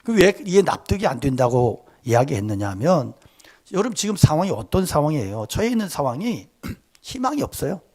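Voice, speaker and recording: A male pastor delivering a Sunday sermon, moving between quiet, conversational asides and loud, emphatic exhortation. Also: on the high side, very animated, fairly quick, husky. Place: church.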